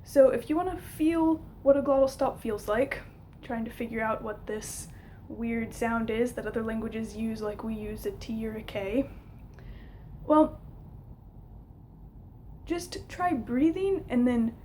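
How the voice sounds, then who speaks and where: A woman's voice: fairly high pitch, measured pace, mellow, slight background noise. A young woman giving an informal explanatory lesson to camera as a teacher, sometimes hesitant, recorded on a camera mic at home. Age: young adult. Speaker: linguistics teacher. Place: small room at home, indoors.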